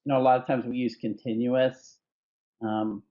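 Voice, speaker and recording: A man's voice: mid-range voice, flat delivery, normal speed, lo-fi sound. A man hosting a conversational discussion, eagerly affirming his guest before adding his own views. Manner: affirming, enthusiastic interviewer. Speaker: company CEO and host.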